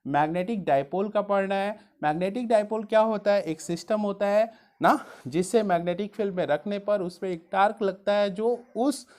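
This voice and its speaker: Speaking at normal speed with a medium pitch and a darkish tone, a female physics teacher walks students through preparing a chapter for exams. She calls them dear students, drops in English science terms, and repeatedly points out the important topics in this study-guide lesson.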